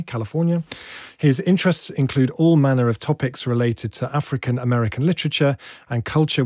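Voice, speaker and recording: Husky-voiced enthusiastic male podcast host. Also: mid-range voice, darkish tone, no echo, clean studio sound. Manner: enthusiastic, playful asides. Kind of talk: scripted podcast introduction.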